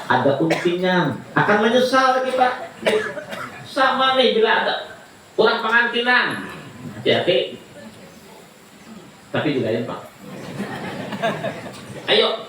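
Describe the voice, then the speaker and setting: A man preaching a sermon, lively and jokey, often rising into high pleading cries. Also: noisy background. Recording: echoey hall from far off.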